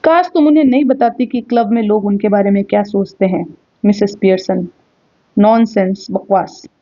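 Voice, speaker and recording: A woman's voice: mid-range voice, normal speed, warm tone, muffled recording. A woman who teaches English. She reads lines from a play and then explains them with fillers and repeats. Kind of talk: reading a play aloud and explaining it in Hindi.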